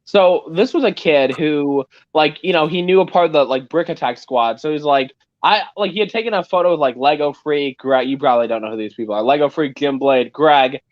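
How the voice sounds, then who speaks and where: A man's voice: a little high, no echo, dull audio. A young man telling jokes and stories in a casual stream chat over a call. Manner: animated, joking, fast storytelling. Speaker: guest YouTuber.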